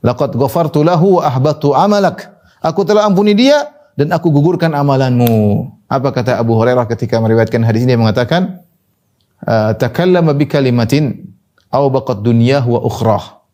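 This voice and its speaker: A man preaching a sermon in a lively, scolding way, mixing in Arabic quotations. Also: mid-range voice, fairly quick.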